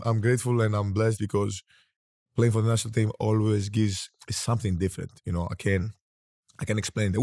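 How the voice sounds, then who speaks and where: A man's voice: fairly low pitch, darkish tone. A man from Greece hosting a casual interview, talking in rambling sentences that often restart. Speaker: podcast host.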